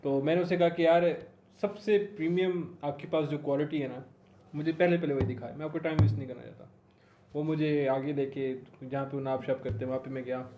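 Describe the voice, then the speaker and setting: A man's voice: a little high, brisk. Man telling a story in an echoey room. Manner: animated anecdotal storytelling. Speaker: podcast panelist. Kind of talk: casual storytelling chat. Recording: echoey room with faint noise.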